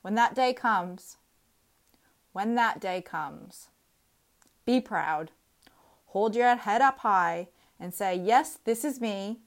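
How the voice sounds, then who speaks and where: A woman in her thirties reads a personal essay aloud in a middle-pitched voice. She sounds earnest and reflective, keeping her pacing measured.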